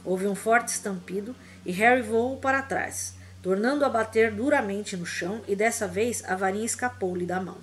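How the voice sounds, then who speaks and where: Female audiobook narrator; expressive, vivid storytelling. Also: medium pitch, moderate pace, hardly any pauses, slight background noise. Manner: dramatic, vivid reading. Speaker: audiobook reader.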